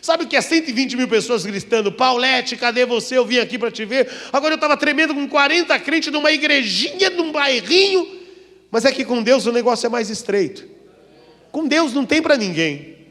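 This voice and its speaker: High-voiced Brazilian pastor in a reverberant church. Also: male voice, animated, brisk. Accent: Brazilian Portuguese. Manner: dramatic storytelling, acting out voices, swinging from hushed to loud. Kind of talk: testimony sermon.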